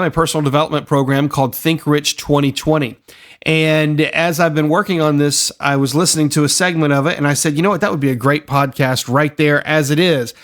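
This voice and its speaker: A man's voice: on the high side, a bit bright. A middle-aged man hosting a podcast, giving an earnest, emphatic motivational talk full of rhetorical questions. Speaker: podcast host and personal development coach.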